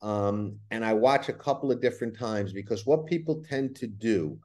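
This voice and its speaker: Brooklyn guy on a podcast, lowish voice, repeats his words while explaining stuff, thick new york talk. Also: normal speed, a little mellow. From New York, USA. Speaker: horse racing handicapper, interview guest. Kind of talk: conversational podcast interview.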